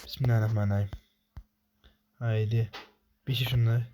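A young man commentating his own gameplay, talking to himself in rapid muttered repetitions and swearing when frustrated. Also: mid-range voice, fairly even intonation, darkish tone, slight background noise. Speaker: gamer.

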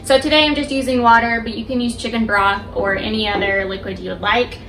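A young woman giving a step-by-step cooking demonstration in her home kitchen, explaining each step clearly to the viewer. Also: on the high side, fairly even intonation, fairly quick, distant mic. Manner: clear, instructive, addresses viewer directly. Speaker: cooking instructor. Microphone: camera across the kitchen. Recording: echoey kitchen, voice from off-mic, household noise.

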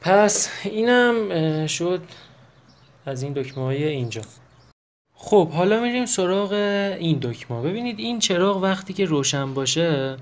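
A man teaching how to use an electronic keyboard in a casual step-by-step tutorial, pausing with fillers and correcting himself as he presses buttons. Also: fairly high pitch, very animated. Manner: explains while pressing buttons, with many fillers and self-corrections.

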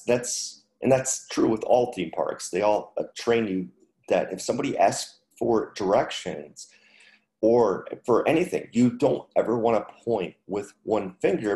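A man teaching an online class, talking in a halting way with many restarts and fillers. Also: medium pitch, creaky, warm tone, roomy sound. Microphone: video call.

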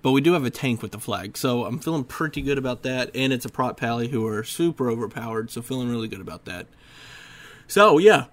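Tired guy at his desk, mid-pitched, casual rambling gameplay voiceover, self-mocking, lots of filler. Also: animated, a little fast. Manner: rambling, self-deprecating, with many ums. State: tired, yawning. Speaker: gaming YouTuber. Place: at a desk at home.

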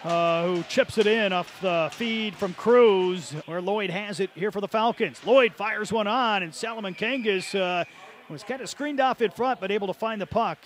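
Calling hockey play-by-play from an arena, a male announcer uses a high, lifted voice. He rattles off names and passes rapidly and erupts whenever a goal goes in, with faint noise under the mic.

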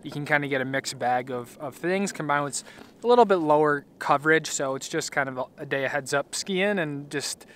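A man in his thirties giving wry, relaxed running commentary while skiing and riding a chairlift outdoors. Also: fairly high pitch, a little fast. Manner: wry, relaxed, thinking aloud. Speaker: ski vlogger. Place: outdoors on ski slopes and chairlift. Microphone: helmet or action camera mic, selfie framing on lift. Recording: loud wind and ski noise.

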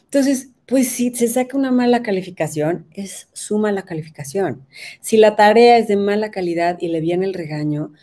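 A woman's voice: medium pitch, expressive, normal speed, mellow. A woman, telling a personal story as a parenting educator in a conversational way that often checks in with the listener. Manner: conversational, asks listeners for agreement.

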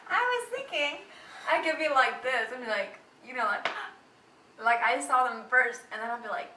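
Giggly woman, high voice, roomy distant sound. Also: animated, normal speed, sharp tone. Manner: giggly, often breaking into laughter. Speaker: vlogger rehearsing an announcement video. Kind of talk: casual unscripted chat between takes. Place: seated at a table in a home room. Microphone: camera a few metres away. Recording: roomy, distant camera mic, noisy background.

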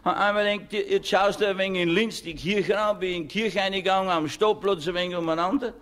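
A man's voice: high-pitched, fairly even intonation, fairly quick, a bit bright. Chuckling Upper Austrian joke-telling man. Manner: rambling, stumbling restarts, chuckles at own jokes. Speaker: comedian. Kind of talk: dialect joke storytelling on a comedy record.

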